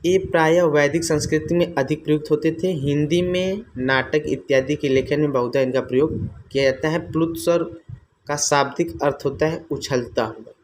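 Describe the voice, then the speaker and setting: A man's voice: on the high side, steady tone, moderate pace, a little hiss or hum. A man teaching an exam-prep grammar lesson, asking his own questions and answering them, repeating each term.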